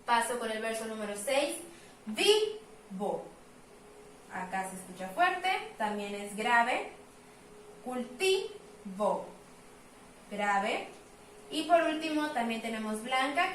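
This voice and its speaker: A woman teaching, patiently explaining at a board, saying example words slowly and repeating them. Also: on the high side, fairly bright tone, a little hiss or hum. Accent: Mexican Spanish. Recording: echoey room, voice from a distance.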